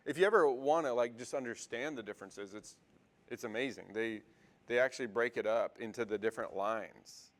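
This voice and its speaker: A man's voice: medium pitch, brisk. Guy teaching a bible class, loose and chatty, lots of ums, asks the room stuff. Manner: conversational, many fillers and restarts, asks the class questions. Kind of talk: casual classroom lecture.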